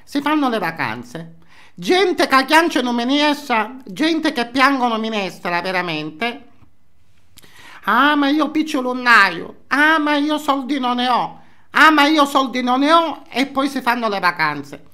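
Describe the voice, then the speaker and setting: Comic sketch: nosy older Sicilian housewife played by a man, dialect-laced scolding, bright voice swinging wildly. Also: very high voice, expressive, a little slow, full character voice. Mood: indignant gossip. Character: nosy, indignant older Sicilian housewife, gossiping about neighbours. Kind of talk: comic character monologue. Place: small indoor room, seated facing camera.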